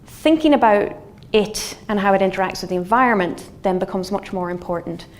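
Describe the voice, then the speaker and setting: In an indoor, wood-panelled lecture room, a scientist from Galway explains her subject in a halting, thoughtful, half-conversational manner. She's middle-aged, with a mid-range voice and a west of Ireland accent, and a faint steady hum of room noise sits under the recording.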